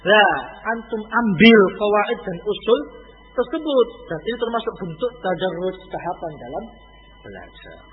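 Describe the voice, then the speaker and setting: Man, very high voice, lively lecture, rhetorical questions, long hall echo. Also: normal speed. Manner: lively, conversational, rhetorical questions, Arabic terms. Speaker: religious teacher. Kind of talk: Islamic study lecture. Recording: echoey hall over a tinny lo-fi line.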